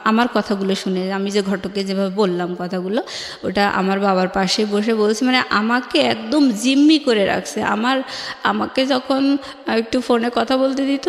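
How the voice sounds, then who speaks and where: A young woman calling in to tell her life story in a casual, earnest way, often halting and restarting her words. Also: a little high. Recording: echoey room with long reverb.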